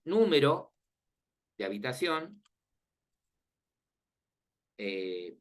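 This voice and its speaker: This database class is led by a man whose medium-pitched voice is a bit bright. He goes through the material step by step in a relaxed, friendly style, frequently checking whether his students follow.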